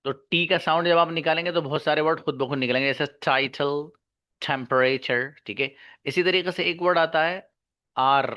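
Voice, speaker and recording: A man teaching pronunciation in an online class, drawing out and repeating each sound slowly. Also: fairly high pitch, bright, forceful tone, highs cut off. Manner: slow, drawn-out demonstration of sounds, repeating each. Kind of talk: pronunciation lesson in Hindi and English.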